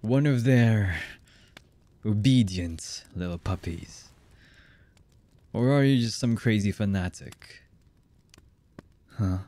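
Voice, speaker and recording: In an ASMR roleplay, a voice actor takes on the role of a cold, embittered villain, speaking in a mellow, husky, low voice that is menacing and coldly mocking. His delivery halts and often drops into a murmur.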